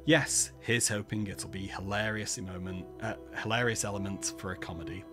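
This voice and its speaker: A man's voice: on the low side, fairly even intonation, moderate pace. A man with a Mancunian accent hosting a gaming stream, reading a text adventure aloud with chatty, self-mocking asides. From Manchester, England. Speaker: host, palaeontologist. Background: background music.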